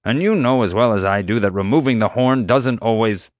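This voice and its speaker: A man performs a gruff, crotchety animal-park vet who's prickly and quick to growl back. The character sits a little higher and louder than the narrator's own low voice, close and dry. It's expressive and natural-sounding, with no room sound.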